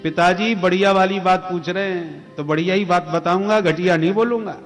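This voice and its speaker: A man voicing a young, devout boy prince who answers his father gently and with confidence. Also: high voice, fairly even intonation, moderate pace, lightly acted. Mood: sweet. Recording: echoey hall with music.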